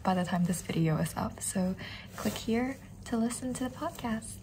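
A woman's voice: fairly high pitch, normal speed, mellow, a little hiss or hum. A young woman, a student, narrating her week in an upbeat, chatty vlog style with frequent "um" and "so". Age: young adult. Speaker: student vlogger. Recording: music playing underneath.

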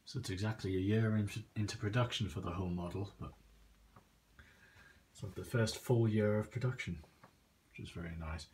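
Here a phonograph collector talks in a slightly mellow voice on the low side, at normal speed, presenting his antiques in a low-key, informal way. A handheld device captures him off screen in a small room at home, producing a noisy, clicky recording.

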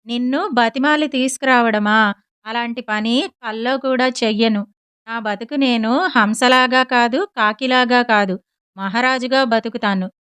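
A woman's voice: a little high, measured pace, fairly bright tone, smooth. A woman voicing an irritable young husband who scolds his wife, in audiobook storytelling. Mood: angry.

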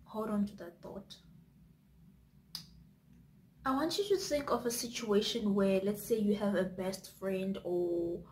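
A woman talks straight to her viewers in a loose, chatty vlog manner, often pausing on fillers and circling back to restart her thoughts. Her pitch sits in an ordinary middle range, and faint noise hums in the background. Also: darkish tone, rough recording. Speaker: YouTube vlogger. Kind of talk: casual to-camera chat.

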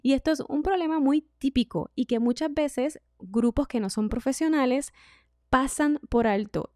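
A woman vocal coach, giving a singing lesson in a clear, instructive way. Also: a little high, no room sound, clean studio sound. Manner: clear instructive delivery, demonstrates loud and whispered speech.

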